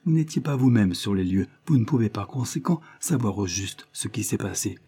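A man reading the part of a stern lawyer in an audiobook, questioning in a measured, interrogating way. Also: on the low side, expressive, mellow, breathy edge. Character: probing male lawyer, stern, insistent.

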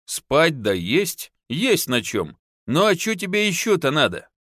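A man voicing a gruff, mocking peasant husband who talks bluntly. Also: fairly high pitch, sing-song, measured pace, a bit bright, no echo, studio quality, voice pushed up, full character voice.

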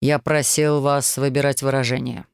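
Woman doing a young dragon fiance, calm and firm, coldly polite, dry close sound. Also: deep voice, measured pace, smooth, dry recording. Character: calm, protective young male dragon suitor.

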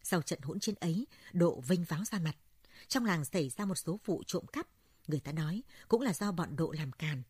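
Female folk-story narrator, husky and low, measured delivery. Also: lively intonation, a little mellow, dry recording, clean studio sound.

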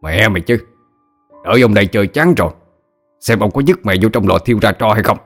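A crude old man who deals in tattoo ink, cursing and sneering at whoever he talks to, as a male narrator puts him on. The voice sits low and coarse. A faint bed of music plays behind it. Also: lively intonation, quick pace. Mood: gruff, mocking. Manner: cursing, gruff, mocking.

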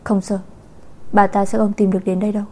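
A gentle young man speaks softly and patiently to calm someone, read by a woman narrator. His tone is warm and mellow, reassuring rather than forceful. It is a plain storybook voice. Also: mid-range voice, fast talker, natural voice. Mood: soothing. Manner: soothing, gentle.

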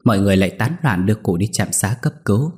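Low-voiced male storyteller. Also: fast. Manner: lively storytelling. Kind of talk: audio story narration. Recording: faint background music.

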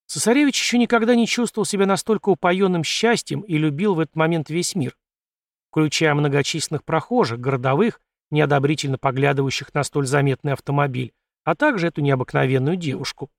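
A man narrating an audiobook in an even storytelling manner. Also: a little high, brisk, no room sound, studio quality. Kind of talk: scripted narration.

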